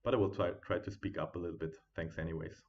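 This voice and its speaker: A man at home giving live trading commentary, thinking aloud as he watches the charts and chats with his viewers, on a quiet built-in computer mic. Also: sits low, steady tone, fast, dull audio. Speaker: day trading streamer.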